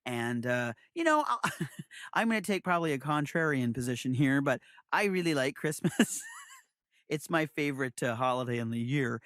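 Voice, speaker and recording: Co-host, man, animated delivery, dry sound, chatty and rambling. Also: medium pitch, moderate pace, dry recording. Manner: rambling, chuckling, frequent restarts. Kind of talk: casual podcast chat.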